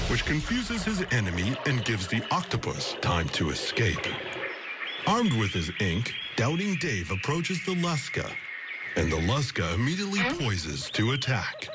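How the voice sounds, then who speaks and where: A man reading scripted narration in the manner of a nature documentary, with a mock-serious, dramatic storytelling delivery. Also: medium pitch. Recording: music under the voice.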